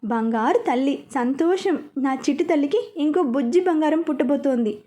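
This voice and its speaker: A woman's voice: high-pitched, animated, moderate pace, dark tone. Woman voicing a doting middle-aged father. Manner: tender, doting.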